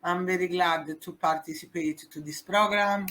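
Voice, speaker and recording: A human rights activist from Italy appears as a podcast guest, speaking English as a second language with an Italian accent and emphatic, non-native phrasing. Her fairly low voice is steady, a bit bright, and at normal speed, with a little hiss or hum in the audio.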